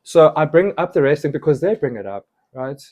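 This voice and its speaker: A man's voice: on the high side, a little fast. A young man from South Africa, telling stories as an interview guest and acting out what others said. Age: young adult. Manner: animated, quotes others in little acted lines. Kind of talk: casual storytelling interview.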